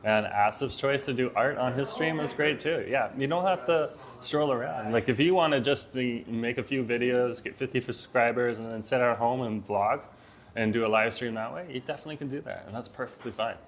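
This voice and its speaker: Over slight background noise, a man speaks fairly quickly during a relaxed live stream from a Vietnamese restaurant, captured on his phone. Laughing often, he reads chat messages aloud, and after saying he has a loud voice, he lowers it.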